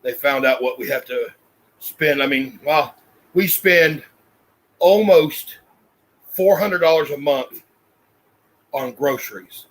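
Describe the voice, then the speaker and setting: A man's voice: a little high, takes it slowly, pauses often, rough recording. A man, chatting casually and folksily as a family vlog host. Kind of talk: casual chat.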